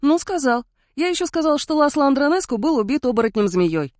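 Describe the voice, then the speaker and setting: A woman's voice: sits high, big pitch swings, fast, darkish tone, dry recording, studio quality, voice pushed up. A woman reading a wry, clever young detective. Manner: teasing, reasoning aloud.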